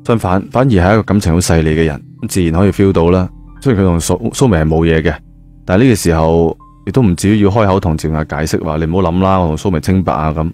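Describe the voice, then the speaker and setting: Over a background music bed, a Cantonese-accented man tells a novel's story in a casual, conversational way, sprinkling in lots of spoken particles. His low voice is mellow, and his pace is quick.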